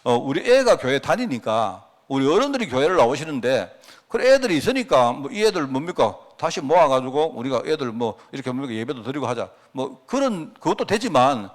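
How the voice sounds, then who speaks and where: A man's voice: medium pitch, big pitch swings, brisk. A man pastor giving a midweek church sermon, pressing his listeners with constant rhetorical questions.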